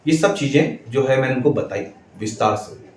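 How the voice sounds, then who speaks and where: A male schoolteacher telling viewers a story in a measured, deliberate way, with steady pauses, addressing them as friends. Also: mid-range voice, roomy sound, a little hiss or hum. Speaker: schoolteacher and channel host.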